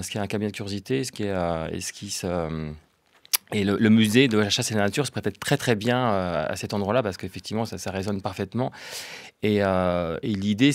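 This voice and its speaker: A man's voice: fairly low pitch, no echo. A man in his fifties from Brittany, answering radio interview questions hesitantly, with many fillers and repeated words. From Brittany, France. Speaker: guest artist.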